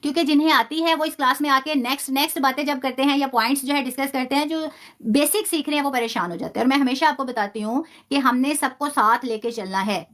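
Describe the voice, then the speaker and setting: A woman with a high voice teaches a live online tajweed lesson. She repeats each term patiently and stretches out example sounds slowly. Her explanations are sprinkled with English words. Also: a bit bright.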